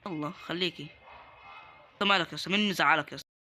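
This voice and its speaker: A young man with an Egyptian Arabic accent commentating his game, excitable and joking as he taunts other players. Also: fairly high pitch, rapid-fire, a little hiss or hum. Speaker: gaming YouTuber. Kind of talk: live Roblox gameplay commentary.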